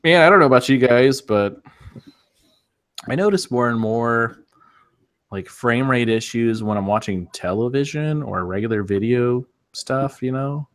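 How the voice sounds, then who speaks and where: A man's voice: medium pitch, a little slow. A man co-hosting a casual gaming podcast, laid-back and opinionated, chuckling often. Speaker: podcast co-host.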